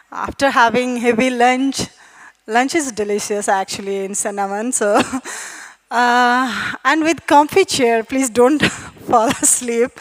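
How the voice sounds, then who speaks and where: Female conference presenter, higher register, relaxed talk full of fillers. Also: rough recording. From Nepal. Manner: friendly, chatty, with frequent fillers. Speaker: conference speaker. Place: conference hall.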